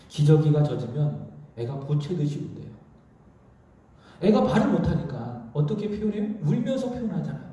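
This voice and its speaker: Man preaching, high lively voice, mellow tone, asks the congregation questions, big echoey church, distant mic. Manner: asks the congregation questions and has them repeat lines; animated, swings between loud peaks and soft asides. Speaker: pastor. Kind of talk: sermon. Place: large church sanctuary. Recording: very echoey room, voice from afar.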